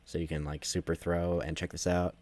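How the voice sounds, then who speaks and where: A man's voice: sits low, level tone, brisk, darkish tone. A man casually talking through a game walkthrough, rambling and correcting himself as he goes. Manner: rambling, self-correcting, conversational. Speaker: gameplay commentator.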